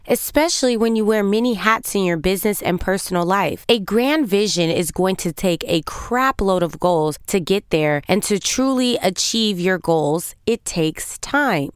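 A woman's voice: medium pitch, clean tone, no echo, studio quality. A woman in her thirties hosting a podcast as a business coach, giving motivational talk full of rhetorical questions.

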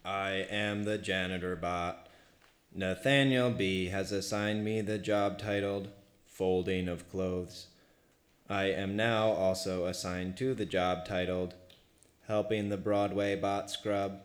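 A man voicing a literal-minded male janitor robot who speaks in a flat monotone. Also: deep voice, takes it slowly. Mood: deadpan.

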